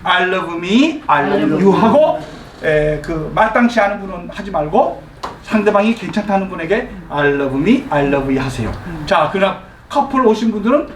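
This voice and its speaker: A man with a high voice teaching English to a live class, coaching the group through repeat-after-me drills and chuckling as he goes. He sounds set back from the microphone, and his voice rings through an echoey room over a faint hum of ambient noise. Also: measured pace, far from the mic, a crowd in the background. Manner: lively, coaxing, chuckles while explaining. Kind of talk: live classroom lecture with call-and-response drills.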